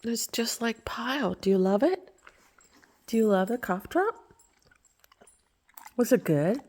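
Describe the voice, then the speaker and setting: A woman's voice: on the high side, lively intonation, moderate pace, a little mellow. A woman from Virginia talking baby-talk to her dogs at home, sometimes dropping to a whisper. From Virginia, United States. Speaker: pet owner. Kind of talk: casual talk to pets. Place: at home with pets.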